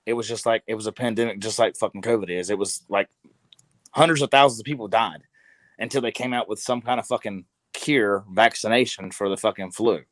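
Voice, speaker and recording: A man's voice: fairly low pitch, brisk, a bit bright, dry recording. A man in his twenties on a podcast, rambling in casual chat, full of fillers and cursing. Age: 20s. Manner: rambling, heavy with fillers and swearing.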